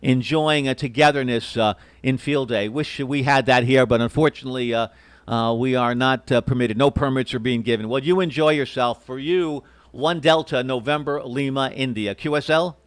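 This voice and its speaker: A man's voice: medium pitch, moderate pace, clean tone, no echo. A courteous, hesitant man operating an amateur radio station, spelling out call signs in phonetics.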